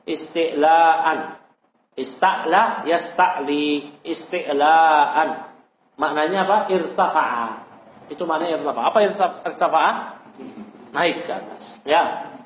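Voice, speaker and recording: A high-voiced man leads a classroom lecture on Arabic grammar, spelling out each term and then quizzing his students. He works through the material step by step. The recording is roomy and dull, with a faint hiss underneath. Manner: explains step by step, repeats terms, quizzes students. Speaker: Islamic teacher.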